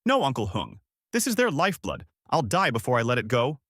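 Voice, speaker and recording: A man voicing a determined village schoolteacher woman who shouts and pleads in a story. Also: medium pitch, wildly swooping pitch, normal speed, dry recording, clean studio sound. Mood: desperate shouting.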